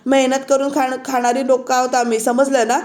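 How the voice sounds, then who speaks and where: A woman's voice: sits high, little pitch movement, brisk, darkish tone, natural voice. A woman voicing a proud working-class aunt who defends her family bluntly in a TV serial recap. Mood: defiant. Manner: defiant, blunt.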